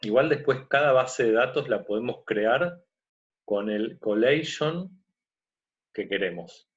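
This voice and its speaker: A man teaching a screen-recorded software course, explaining step by step and often checking in with his listeners. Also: medium pitch, expressive, takes it slowly, lo-fi sound. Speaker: course instructor.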